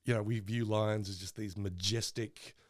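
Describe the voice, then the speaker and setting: A man's voice: lowish voice, fairly even intonation, normal speed, dry recording, studio quality. An Australian man co-hosting a podcast in casual banter, with a wry, tongue-in-cheek and slightly hesitant way of talking. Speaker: podcast co-host.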